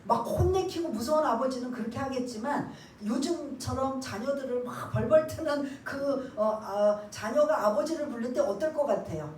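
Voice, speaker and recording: High-voiced woman preaching in an echoey church. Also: expressive, normal speed, few pauses, slight background noise. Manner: asks the congregation questions and waits for answers; drops to a hushed voice to act out prayers. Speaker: pastor. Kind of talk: sermon. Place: church sanctuary. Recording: echoey church room, mic at a distance.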